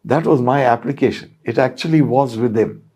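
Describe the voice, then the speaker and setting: An older man from India, a retired air force officer, recalling past events in an interview, halting with many fillers and restarts. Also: medium pitch, darkish tone. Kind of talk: reflective storytelling interview.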